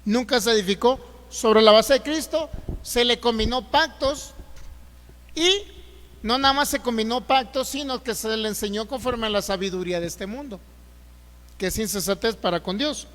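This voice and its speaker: Very high-voiced Mexican pastor, churchy reverb. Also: male voice. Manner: reads scripture slowly and loudly, then explains in rhetorical questions. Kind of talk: sermon. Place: church hall.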